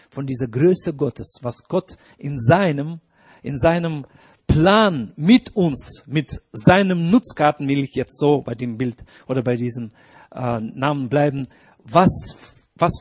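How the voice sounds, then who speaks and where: Husky-voiced man preaching with rising emphasis. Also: on the high side, darkish tone. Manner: earnest, hesitant with restarts and fillers, rises when stressing points. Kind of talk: sermon.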